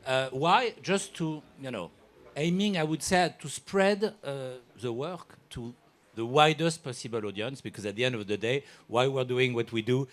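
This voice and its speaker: A man's voice: mid-range voice, moderate pace. A man introducing part of an awards ceremony, speaking loosely and searching for words. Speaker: ceremony presenter.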